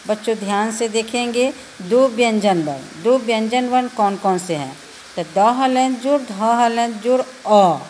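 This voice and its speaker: A woman's voice: fairly high pitch, a little mellow, slight background noise. A woman teacher with a Bihari Hindi accent, patiently spelling out letters one by one in a recorded lesson for children.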